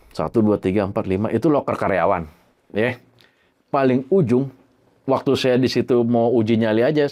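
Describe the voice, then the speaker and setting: Chatty guy telling a ghost story, swinging pitch, slangy, sound effects, mellow tone. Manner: animated, imitates sounds like bangs and creaks; slangy, swears freely. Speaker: guest telling a horror story. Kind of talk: casual storytelling.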